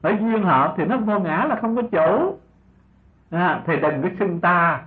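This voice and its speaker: An older monk preaches a slow, gentle sermon, his pitch rising and falling freely. He keeps asking rhetorical questions and chuckles softly between points. It is heard through a thin, tinny old recording. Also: lively intonation. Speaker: Buddhist monk teacher. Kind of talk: dharma talk sermon.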